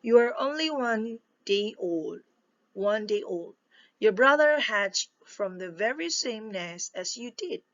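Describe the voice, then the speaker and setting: A woman's voice: medium pitch, animated, a bit bright, dry recording, dull audio. A woman reading as a caring mother duck. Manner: read aloud from slides, halting. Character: caring mother duck, gentle but stern.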